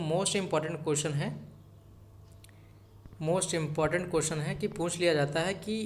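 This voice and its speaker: A man's voice: a little high, a little hiss or hum. A man teaching an exam-prep grammar lesson, greeting viewers as friends and repeating each key point so they remember it.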